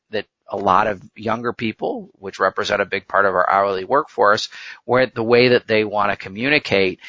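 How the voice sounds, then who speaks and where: A man giving explanatory answers as a consultant guest in an interview. His voice is a little low yet bright and crisp-edged, captured close and dry with a slightly dull, lo-fi sound. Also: no room sound.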